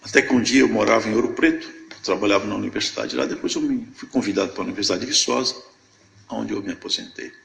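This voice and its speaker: Older man with a gravelly voice giving a testimony. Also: fairly low pitch, fast talker, fairly bright tone, echoey room, slight background noise, rough recording. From Brazil, Minas Gerais. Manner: storytelling that acts out remembered dialogue. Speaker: church member giving testimony. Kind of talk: emotional church testimony.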